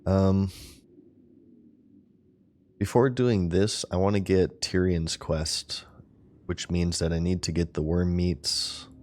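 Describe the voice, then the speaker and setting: A man's voice: low-pitched, flat delivery, takes it slowly, long pauses, a little mellow, a little hiss or hum. A man casually commenting on his gameplay as a streamer, chatting with viewers as he plays. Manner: chatty, talks to chat while playing. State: hiccuping.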